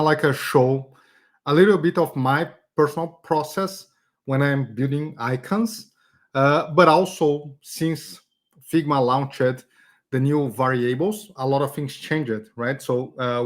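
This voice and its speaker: A chatty man raised in Brazil hosts a casual live online workshop, teaching design as a community event host. His voice is mid-range, and he fills his talk with many fillers and "okay?" tags.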